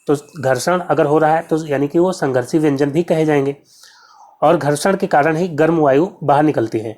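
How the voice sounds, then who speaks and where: A man teaching an exam-prep grammar lesson. He explains step by step, asks a question and answers it himself, and says each sound slowly to show how it is pronounced. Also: a little high, a little mellow.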